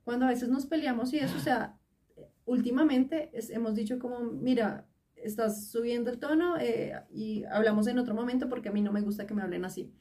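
Lady podcasting, kinda high voice, a bit far from the mic, laughs a lot. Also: brisk. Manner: animated, quotes others, laughs often. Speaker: podcast co-host. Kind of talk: casual podcast chat.

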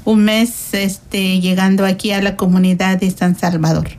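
A woman's voice: medium pitch, flat delivery, unhurried, a little mellow, a little hiss or hum. A woman from Guatemala, a religious sister, introducing herself hesitantly with fillers.

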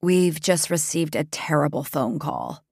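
A woman's voice: low-pitched, expressive, creaky, a little mellow, breathy edge, no room sound, clean studio sound, pitched below the performer's own voice, heavily acted. A woman putting on a grave, placid older woman. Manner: slow and serious.

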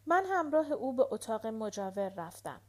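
A woman reading a first-person novel aloud as an audiobook narrator, in a measured, quiet storytelling manner. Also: fairly high pitch, sing-song.

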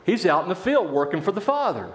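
A man preaching a sermon in a church, telling a parable with animated voices for its characters. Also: sits high, fast talker, roomy sound. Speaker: pastor.

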